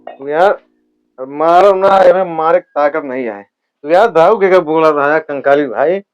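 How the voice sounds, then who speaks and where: A man's voice: a little high, unhurried, clear, resonant tone, highs cut off, soft background music, lightly acted. A man with an Awadhi accent playing a rambling, shameless town drunk husband in a village comedy sketch. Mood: grumbling. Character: shameless drunkard village husband selling his in-laws' buffalo. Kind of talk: rural comedy sketch acting.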